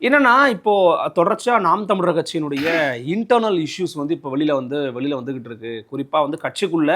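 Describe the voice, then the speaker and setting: Male interviewer, higher register, rapid delivery, probing and persistent in a political interview. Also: fairly bright tone. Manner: quick probing questions, presses his points. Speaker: interviewer, journalist.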